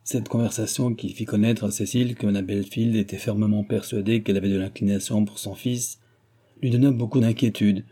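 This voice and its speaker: Dark, husky male audiobook narrator. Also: lowish voice. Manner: measured, even storytelling. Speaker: audiobook reader. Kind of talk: scripted narration of a classic novel.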